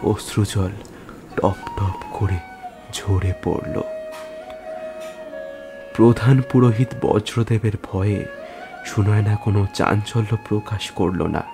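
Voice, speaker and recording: A man narrates a literary tale as a scripted, dramatic audio story, his fairly low voice moving very slowly with solemn, deliberate pauses between phrases. Instrumental music plays clearly underneath him.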